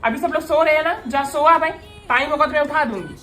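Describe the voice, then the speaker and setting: Woman actor: bright, high-pitched, fussy mother-in-law, barking quick orders. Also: soft background music. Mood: doting. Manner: scolds and fusses in quick commands. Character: doting, bossy Indian mother-in-law. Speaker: comic sketch actor. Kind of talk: comedy sketch acting.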